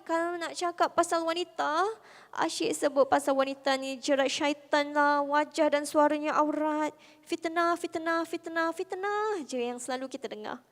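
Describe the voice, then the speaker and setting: A Malaysian woman with a Malaysian Malay accent and a high, soft voice gives a lively, conversational religious talk to a convention audience, full of rhetorical questions. It's in a large convention hall, and the recording carries the venue's hall reverb.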